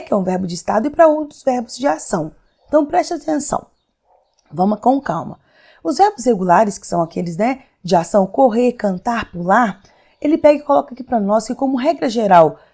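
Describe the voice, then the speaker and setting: Patient Brazilian teacher with a mellow voice. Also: female voice. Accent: Brazilian Portuguese. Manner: patient, explains step by step and acts out student questions; lively, swings her pitch up and down for emphasis. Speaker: English teacher. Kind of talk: recorded online grammar lesson.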